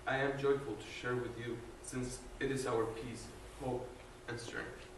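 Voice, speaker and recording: A young Guatemalan man, a student, gives an earnest but hesitant faith testimony full of fillers and restarts. His mid-range voice is flat and measured in pace. A distant recorder with no mic catches him from far off in a large, echoey room with an audience and a noisy background.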